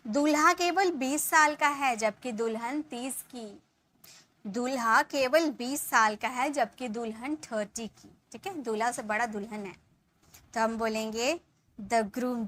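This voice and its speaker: Slow, bright-voiced woman teaching English. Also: on the high side. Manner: slow dictation of example sentences, trailing off softly at sentence ends. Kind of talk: spoken English lesson.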